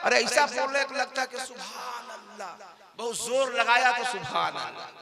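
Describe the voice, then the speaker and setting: A man's voice: extremely high pitch, steady tone, moderate pace, creaky. A man compering a religious poetry gathering on stage, reciting couplets and teasing the audience into calling back. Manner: jokey, coaxes and teases the crowd into responding. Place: large public gathering before a crowd. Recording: live crowd audible behind voice.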